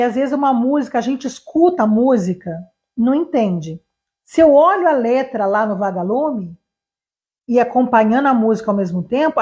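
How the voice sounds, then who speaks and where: Brazilian lady teacher, high voice, super animated, tossing out questions to her students. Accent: Brazilian Portuguese. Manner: animated, explains with examples and rhetorical questions. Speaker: English teacher. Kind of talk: live online lesson.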